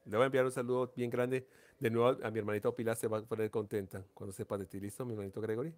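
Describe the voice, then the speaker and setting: A man's voice: medium pitch, fairly even intonation, very fast, darkish tone. A man hosting a long casual live stream, talking to viewers in an affectionate, repetitive, coaxing way. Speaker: livestream host. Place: seated indoors.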